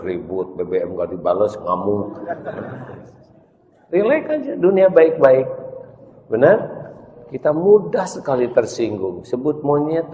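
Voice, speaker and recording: A man preaching a storytelling sermon, unhurried, acting out dialogue and asking the crowd back. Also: on the low side, a little hiss or hum. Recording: muffled echoey hall with long reverb.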